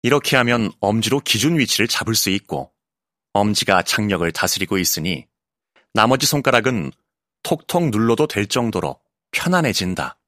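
A male voice actor reading an essay audiobook in a calm, clear narrating voice, recorded close in a studio booth. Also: fairly low pitch, moderate pace, no room sound. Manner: calm, clear narration with lively, expressive intonation.

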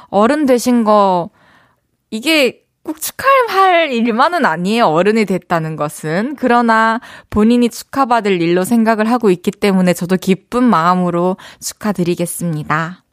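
Speaking with a southeastern Korean dialect, a woman radio DJ reads and answers listener messages in a studio, chatty and friendly and often laughing. Her medium-pitched voice is picked up by a studio microphone with no echo.

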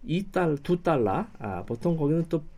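An older man from South Korea, in his sixties or above, speaking as a radio interview guest in a halting, rambling way. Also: a little high, very animated, gravelly, a little mellow. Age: 60s or older. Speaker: studio guest, company head.

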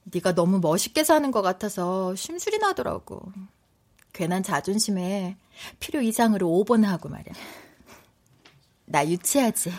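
A woman's voice: mid-range voice, big pitch swings, normal speed, a little mellow. An actress in her thirties playing a proud but apologetic pregnant wife in a radio drama, talking emotionally. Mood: remorseful. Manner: emotional, wheedling then teasing.

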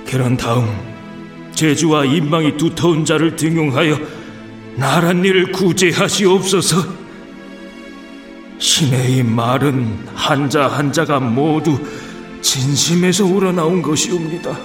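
An actor playing a humble but resolute Joseon chief minister, reading a court petition in slow, measured, deferential archaic speech. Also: male voice, on the high side, lightly acted. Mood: solemn, earnest. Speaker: voice actor in a historical reenactment. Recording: echoey with faint music underneath.

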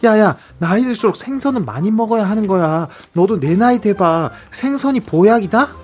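A man's voice: sits high, expressive, normal speed, darkish tone. A man voicing a bossy, pushy middle-aged older sister in a radio comedy skit, ordering her sibling around in a brusque way.

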